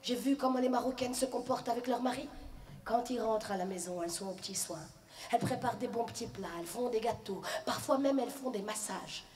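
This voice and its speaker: Brief: a comedienne with a high voice, telling lively stories on stage. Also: female voice, fast talker, echoey room. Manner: lively, storytelling. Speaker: stand-up comedian. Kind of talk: stand-up comedy.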